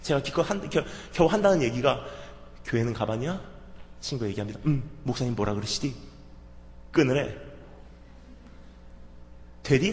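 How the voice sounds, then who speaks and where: Male preacher, lively swooping pitch, fast delivery, soft asides and loud outbursts, long hall reverb. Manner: swings between soft low asides and loud fervent outbursts. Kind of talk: sermon with acted dialogue.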